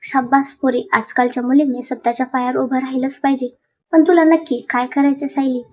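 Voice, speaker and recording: A stern older patriarch, read by a woman narrator in a storybook serial. He speaks gravely and firmly, each decision final, in a high, clear voice. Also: steady tone. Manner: firm, measured, grave. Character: stern dignified older man, family patriarch.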